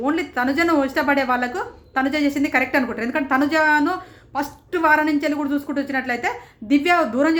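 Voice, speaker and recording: A woman, reviewing a reality show in casual commentary and animatedly retelling the arguments she recaps. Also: high voice. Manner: rapid, animated retelling with quoted exchanges.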